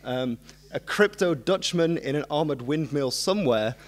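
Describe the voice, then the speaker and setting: A man's voice: a little high, expressive, moderate pace. A man, giving an informal, self-deprecating history lecture as a student speaker. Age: early 20s. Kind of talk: informal public talk with self-deprecating humour. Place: on stage in a hall before a seated audience. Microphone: microphone on a stand at a lectern.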